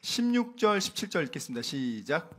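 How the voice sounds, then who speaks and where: A man preaching a sermon in a church, animated and dramatic, often acting out dialogue as he teaches. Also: a little high, fairly quick. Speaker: pastor. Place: church sanctuary.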